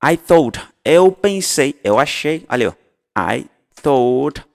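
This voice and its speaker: A man gives a casual English lesson, swinging his pitch widely as he explains. He repeats example phrases and corrects himself as he goes. His voice carries a long hall reverb. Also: animated, takes it slowly, creaky. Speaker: English teacher.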